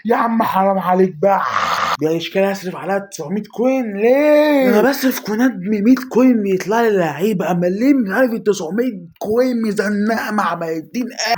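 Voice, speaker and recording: Rapid-fire Egyptian gamer guy. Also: high-pitched. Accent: Egyptian Arabic. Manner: anxious, pleading, swings between groans and shouts. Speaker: gaming YouTuber. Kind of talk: excited pack-opening commentary.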